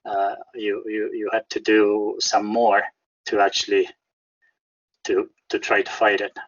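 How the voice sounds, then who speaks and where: A man with a Russian accent answering interview questions in a halting, careful way, often repeating words as he searches for phrasing. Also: lowish voice, monotone, lo-fi sound. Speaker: interview guest, whistleblower. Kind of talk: conversational interview.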